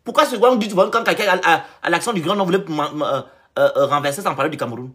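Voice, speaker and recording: A man hosting a live stream of political commentary, who speaks emphatically and repeats phrases in loud bursts. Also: a little high, fast.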